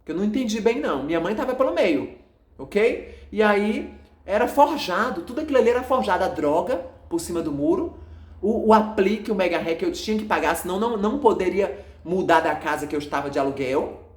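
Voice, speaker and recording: A man with a Brazilian accent who runs an evangelical channel, recounting a dream to his followers in an agitated, halting, repetitive way. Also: high-pitched, lively intonation, reverberant. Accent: Brazilian Portuguese.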